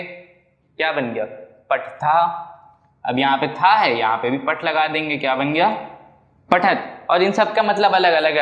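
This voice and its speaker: A man with a fairly high voice teaches a grammar lesson. He patiently asks questions and answers them himself, and he repeats verb forms aloud as a drill. The room is echoey. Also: a bit bright. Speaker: Sanskrit teacher.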